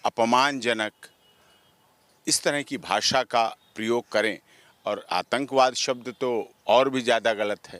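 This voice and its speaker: A man's voice: mid-range voice, a bit bright, no echo. A man, a lawyer, giving emphatic comments in an interview and stacking up his points in long repeated lists. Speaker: lawyer guest.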